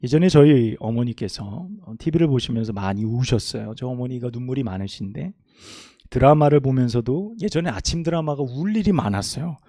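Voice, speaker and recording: A middle-aged man preaching a sermon as a pastor, moving from loud, emphatic passages to quiet, homely storytelling. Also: medium pitch, no echo, clean studio sound. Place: church sanctuary.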